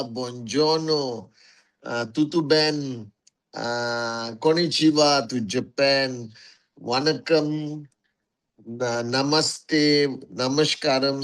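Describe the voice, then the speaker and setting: Slow, smooth-voiced man greeting livestream viewers. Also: medium pitch, a bit bright. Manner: greets viewers one by one, calls them warriors; slow, emphatic, repeats phrases. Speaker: network marketing leader hosting a livestream. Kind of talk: casual livestream address to followers.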